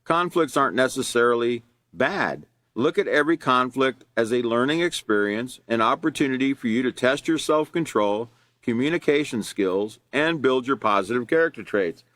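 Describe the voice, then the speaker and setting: A man teaching a character education class reads from a workbook and explains it live, loud and earnest, with lots of fillers and restarts. His voice is medium-pitched and animated at a moderate pace, with no room sound.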